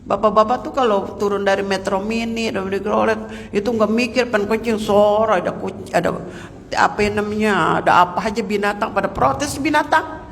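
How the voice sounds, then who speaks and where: Speaking straight to a women's study group, a man delivers a homely sermon in a big mosque hall whose long reverb fills the recording. His voice is high-pitched and a bit bright with vocal fry, moving at a moderate pace over a little hiss or hum.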